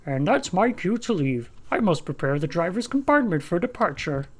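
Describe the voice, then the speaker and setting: A courteous male train conductor, voiced by a woman, addresses passengers in a polite, formal way. His delivery is cheery and lively in pitch, like a video game host. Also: normal speed, husky.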